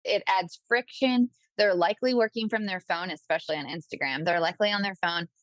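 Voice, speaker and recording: A woman's voice: on the low side, fairly quick, fairly bright tone, dry recording. A woman guest on a podcast, talking enthusiastically and casually as she gives business advice to wedding pros. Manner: enthusiastic, upbeat, advice-giving. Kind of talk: casual interview talk.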